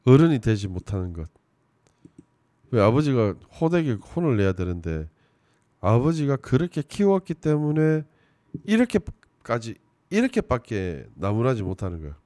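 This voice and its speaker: A man giving casual commentary on a TV show, swinging between loud emphasis and low muttering. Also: big pitch swings, normal speed, no echo, studio quality.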